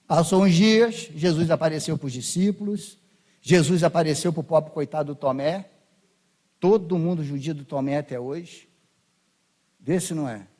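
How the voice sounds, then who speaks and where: A man's voice: a little high, normal speed, a little mellow. A man with a Brazilian Portuguese accent preaching a sermon in church, talking conversationally and acting out voices of biblical figures. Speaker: pastor.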